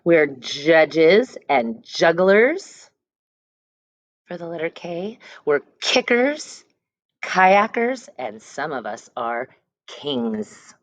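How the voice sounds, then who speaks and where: Her low-pitched, sing-song voice moves extremely slowly as this elementary school teacher reads a picture book to her young class. She puts weight on words and letter sounds and slips in quick explanations. The sound is lo-fi with no echo.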